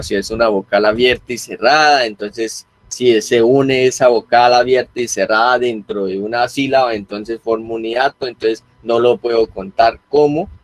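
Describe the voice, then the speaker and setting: A man's voice: medium pitch, dry recording. A man teaching a class, patiently asking students questions and repeating their answers, with a Colombian Spanish accent. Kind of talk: classroom lesson on accent rules.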